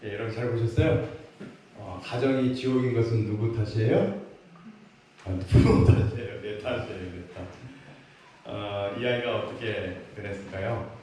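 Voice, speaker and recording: A man preaching a sermon as pastor, animated, acting out parents' words and leading the congregation in call-and-response. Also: fairly low pitch, moderate pace. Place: large church sanctuary. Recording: echoey church hall, distant mic, faint noise.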